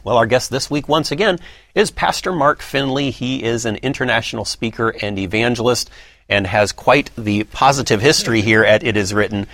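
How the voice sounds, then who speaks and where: A man's voice: medium pitch, moderate pace, fairly bright tone, no echo, clean studio sound. A man hosting a Bible study program, friendly and conversational as he introduces the lesson and his guest and leads a prayer. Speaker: host.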